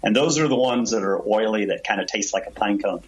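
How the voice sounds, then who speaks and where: Low-voiced man telling a distilling story. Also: a little fast, lo-fi sound. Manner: enthusiastic storyteller, explains with asides. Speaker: distillery owner. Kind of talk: casual interview chat.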